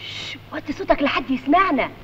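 A woman playing a teasing, sharp-tongued sweetheart with an Egyptian accent in a film comedy. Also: sits high, animated, fast. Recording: dull, noisy old film soundtrack.

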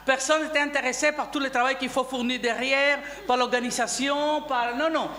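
A woman on a cooperative's board giving a candid personal speech at a general assembly, halting, with many restarts and fillers. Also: sits high, steady tone, fairly bright tone, echoey room, slight background noise. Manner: candid, chatty.

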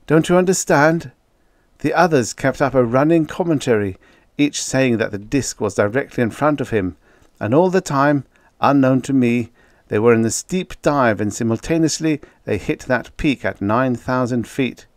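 A man voicing a calm but insistent male fighter pilot. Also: medium pitch, normal speed, no room sound, clean studio sound, pitched above the performer's own voice, close to an everyday voice. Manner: earnest, insistent.

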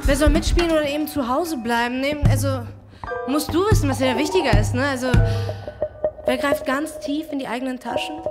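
Woman spoken word poet from Iran, high voice, rhythmic delivery over loud music. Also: fairly quick. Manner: rhythmic, repeated rhetorical questions.

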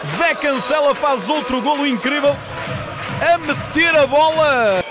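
A man with a European Portuguese accent giving fast, dramatic live roller hockey commentary, bursting into drawn-out excited goal calls. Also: very high-pitched, over music. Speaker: play-by-play sports commentator. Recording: loud crowd noise in sports hall. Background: crowd and arena noise.

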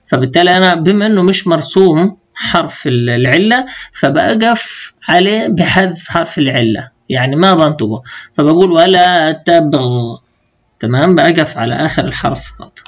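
Brief: young adult man, a bit high-voiced, teaching recitation rules and drawling the examples. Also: lively intonation. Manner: explains in colloquial speech, slowly chants quoted verses. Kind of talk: tajweed lesson explanation.

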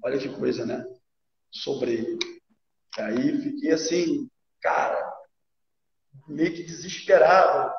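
A man's voice: on the high side, slow, long pauses, far from the mic, a little hiss or hum. A man telling a personal story on a live video call, his audio choppy and breaking up as he hesitates and restarts. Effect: choppy breaking-up internet audio. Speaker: guest speaker on a live stream. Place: indoor room. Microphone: computer mic on a video call. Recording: muffled echoey room over a choppy call.

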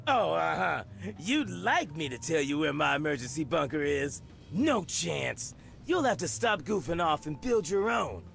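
Jumpy paranoid store owner for a comedy game, creaky voice swinging all over, music behind. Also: male voice, fairly high pitch, very animated, a little slow, fairly bright tone, exaggerated voice. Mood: paranoid, alarmed. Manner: exasperated, agitated, conspiratorial. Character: paranoid, irritable male store owner, doomsday prepper. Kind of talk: animated comedy adventure game dialogue.

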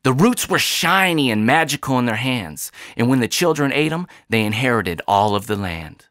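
A man in his thirties reciting a rhymed spoken word poem, his voice rising and falling with animated swings in pitch. The sound is close and dry from a studio microphone in a small home studio. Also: moderate pace, no room sound. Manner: rhythmic, expressive rise and fall, emphatic line endings. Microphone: studio condenser mic on stand.

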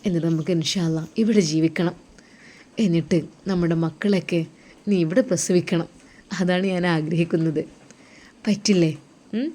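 A woman voicing a tender young husband far from home who gently consoles his crying wife in a told story. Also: lowish voice, steady tone, moderate pace, pauses often, close to an everyday voice. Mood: soothing. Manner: gentle, coaxing, soothing. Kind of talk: storytelling role-play.

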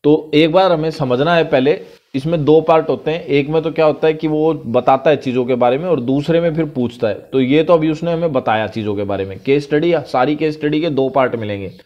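A male math teacher with an Indian accent and a voice on the high side works through a problem step by step over a screen recording, reading the English question lines slowly. The audio has a lo-fi sound.

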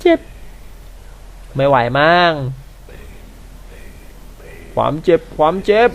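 The sound is lo-fi as a slow-speaking gamer with a slightly high voice records let's play commentary. He exclaims and swears in reaction to the game in front of him.

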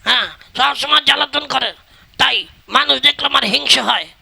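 Spiteful forest snake, played by a man, shrill and gravelly, puppet-show style over loud music. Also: steady tone, fairly quick, full character voice. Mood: menacing. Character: spiteful male forest snake, hates humans. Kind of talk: folk puppet-show acting. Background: loud folk music.

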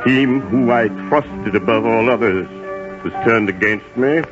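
A muffled 1940s radio recording with faint music carries a man acting a bitter tyrant king. He speaks slowly, with theatrical grandeur and confiding menace, every phrase scheming and suspicious. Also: mid-range voice, close to an everyday voice.

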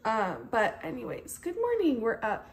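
A woman's voice: fairly high pitch, huge pitch swings, measured pace. A young pregnant woman chatting casually to her phone camera at home, tired, with lots of fillers. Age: young adult. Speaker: vlogger, stay-at-home mom. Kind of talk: casual vlog chat. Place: large bright home kitchen and living room, indoors. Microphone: phone held at arm's length.

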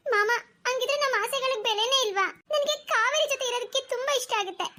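A woman's voice: very high voice, quick pace, pushed and bright. A woman voicing a timid, anxious young girl in a cartoon who stammers and pleads. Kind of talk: cartoon voice acting.

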